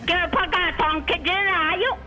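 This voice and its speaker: An older woman whose recorded lines are played in a prank call, asking slow, confused questions over and over. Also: extremely high pitch, fairly even intonation, sharp tone, faint music behind.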